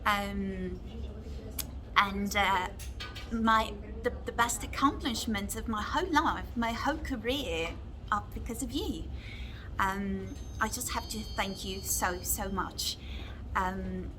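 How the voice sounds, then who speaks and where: A Brazilian woman in her thirties, a radio host, speaking English with a self-taught British-leaning accent and a Portuguese mother tongue. She is recording a heartfelt video message, halting and emotional, with many fillers and restarts. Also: medium pitch, over music. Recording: noisy recording.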